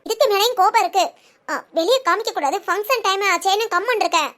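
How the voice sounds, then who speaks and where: A performer voicing a bitter, defiant young bride who answers in sharp, curt retorts. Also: extremely high pitch, lively intonation, fast, exaggerated voice.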